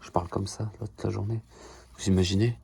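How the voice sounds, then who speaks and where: A man's voice: on the low side, steady tone, fast talker, creaky, mellow, breathy edge. A man filming himself on a phone while working on his car, chatting nonstop in a joking way and swearing often. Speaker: DIY car repair vlogger. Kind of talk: casual chatty self-filmed video. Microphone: phone camera.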